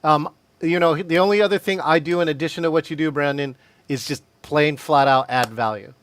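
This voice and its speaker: A man with a fairly high voice hosts a live online training session. He talks energetically, chuckles often and calls on participants by name. His sound is close and dry, coming through a video call. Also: a little fast, no room sound. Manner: energetic, laughs often, addresses attendees by name. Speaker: virtual meeting trainer. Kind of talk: live webinar presentation.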